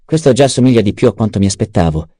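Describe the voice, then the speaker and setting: A man voicing an ambitious young male heir in an audiobook, eager and quick. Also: fairly low pitch, lively intonation, dark tone, dry recording, studio quality, voice pushed up. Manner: eager, inward. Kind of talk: audiobook character voice.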